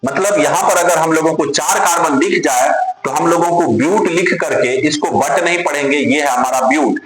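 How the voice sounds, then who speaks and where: A man's voice: a little high, fairly quick. A man teaching a chemistry lesson to students. He spells names out letter by letter, asks his own questions and answers them, and calls the students dear children. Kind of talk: classroom lecture. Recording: very echoey room with music behind.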